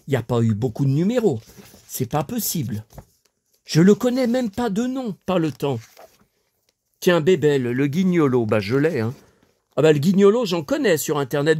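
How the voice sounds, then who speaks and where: This collector vlogger, in his fifties, has a voice on the high side with a darkish tone. He rambles casually to viewers, hesitating and restarting frequently, sounding stuffy from a lingering cold and dry-mouthed.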